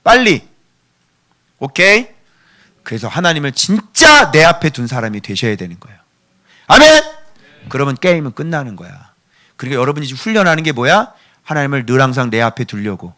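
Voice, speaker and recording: A man's voice: medium pitch, sing-song, brisk, pauses often, sharp tone. A male pastor preaching a sermon in a playful, theatrical way, quizzing his congregation.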